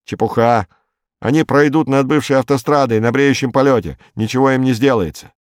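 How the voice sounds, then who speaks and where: A man reading a book aloud, voicing a sharp, sarcastic male commander answering over a radio link. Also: medium pitch, brisk, dry recording, clean studio sound, pitched above the performer's own voice, lightly acted.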